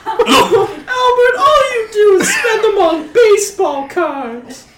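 This is a fussing old wife with a very high, thin voice, played by a woman. She talks slowly, scolds and flutters, and her voice rings out through a roomy stage space. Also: expressive, very noisy, exaggerated voice. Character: doddering elderly wife Helen. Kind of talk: improvised comedy scene.

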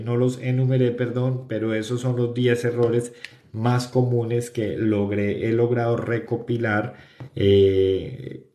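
A man's voice: fairly low pitch, dark tone, reverberant. A man from Colombia with a Colombian Spanish accent, giving an English pronunciation lesson and often checking understanding with the class. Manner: explanatory, repeats "¿cierto?" to check understanding. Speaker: English teacher.

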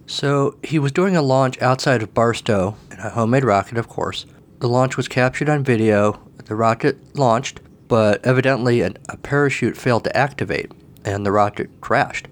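A man with a cold, husky in voice, hosting a solo podcast from his table at home in a rambling, wry way. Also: mid-range voice, moderate pace. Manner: rambling, wry, self-deprecating. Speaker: podcast host. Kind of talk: casual solo podcast monologue.

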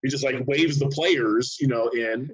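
Husky man telling a lively story. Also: medium pitch, moderate pace, dull audio. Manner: animated anecdote-teller with lots of restarts. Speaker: sports writer, guest. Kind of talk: casual chat, storytelling.

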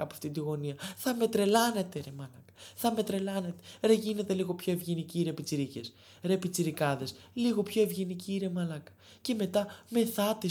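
A woman, a little drunk, rants in a loose, rambling monologue. She swears freely and sounds exasperated. Her voice sits in a middle pitch. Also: darkish tone. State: tipsy.

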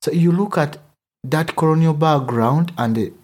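A man's voice: a little high, normal speed, a little mellow. A man from Uganda whose first language is Luganda, speaking earnestly in a discussion and often restarting to find his words. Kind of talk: conversational discussion.

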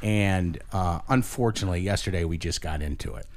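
Chatty, low-voiced podcast host. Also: male voice, a little fast. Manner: talkative, animated, repeats himself. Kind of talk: casual interview chat. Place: New Orleans.

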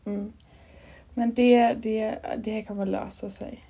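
A woman's voice: medium pitch, flat delivery, vocal fry, mellow, breathy edge. A young woman from Sweden co-hosting a podcast, speaking earnestly and emotionally in casual chat. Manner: earnest, emotional, quick to react with short replies. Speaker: podcast co-host.

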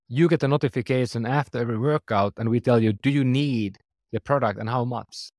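A man's voice: mid-range voice, no room sound, clean studio sound. A man in his forties with a Finnish accent, a startup founder talking earnestly in a conversational interview, phrasing loosely with restarts. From Finland. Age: 40s.

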